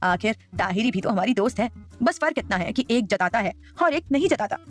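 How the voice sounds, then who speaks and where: Brash excitable young guy, hot temper, audio story voice, played by a woman. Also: fairly high pitch, fairly quick, faint music behind, close to an everyday voice. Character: hot-headed loyal young man, brash friend.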